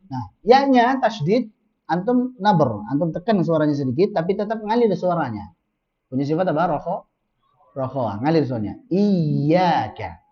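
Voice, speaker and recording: A man teaching Quran recitation, correcting pronunciation patiently and modeling each phrase slowly before explaining the rule. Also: on the high side, big pitch swings. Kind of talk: tajwid lesson with call-and-response drills. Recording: dull lo-fi sound.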